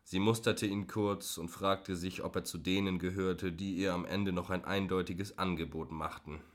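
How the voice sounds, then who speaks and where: A man narrating a German crime story as an audiobook, in a measured, wry way. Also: deep voice, fairly even intonation. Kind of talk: audiobook reading.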